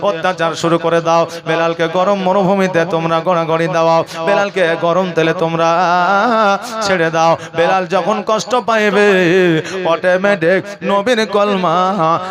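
A man voicing a cruel, domineering slave master in a sermon story, with commanding, drawn-out threats. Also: high-pitched, steady tone, music in the background. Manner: commanding, menacing, drawn-out address.

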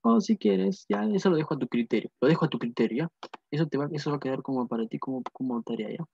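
A man's voice: on the high side, expressive, fast talker, gravelly, darkish tone, husky, dry recording. A man teaching a math lesson, repeating phrases and asking and answering his own questions. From Peru. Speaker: math tutor. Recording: dull lo-fi dry sound.

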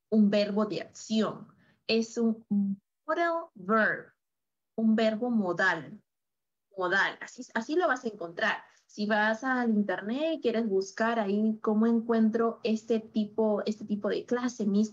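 Slow-speaking woman teaching English online. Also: mid-range voice, dull audio. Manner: mixes Spanish and English, repeats phrases slowly for learners.

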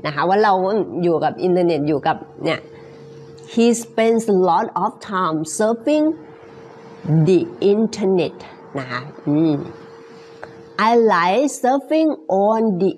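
A woman teaching English pronunciation, repeating phrases word by word and then explaining them quickly, with frequent polite particles. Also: fairly low pitch, very animated, a little mellow, slight background noise. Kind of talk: live-streamed pronunciation lesson.

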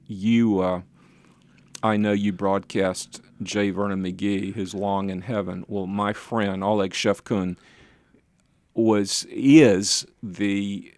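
A man's voice: fairly low pitch, darkish tone, dry recording. An older man, a pastor being interviewed, telling stories in a rambling, self-deprecating way with chuckling asides. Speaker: pastor and author, guest. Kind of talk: conversational interview storytelling.

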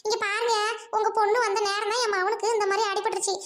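Woman playing a shrill scolding mother-in-law. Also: little pitch movement, fast talker. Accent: Trichy Tamil. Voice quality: shrill, nagging. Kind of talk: comedy skit acting.

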